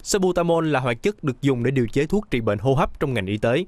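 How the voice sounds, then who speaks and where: Brisk male news voice-over. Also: medium pitch, dry recording. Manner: brisk, even newsreading. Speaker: news narrator.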